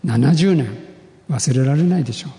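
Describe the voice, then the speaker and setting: A man gives a heartfelt sermon testimony in a mellow, darker voice. He tells his story in a measured, earnest way, and his words ring out with a long echo through a church hall. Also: fairly high pitch, lively intonation. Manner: earnest, measured storytelling with rising emotional emphasis. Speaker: pastor.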